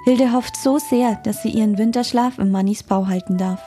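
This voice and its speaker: A woman tells a children's story in a calm, even manner. Her tone is mellow and warm, at a middle pitch. Faint music plays beneath her. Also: normal speed. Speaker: narrator. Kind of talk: scripted children's story narration.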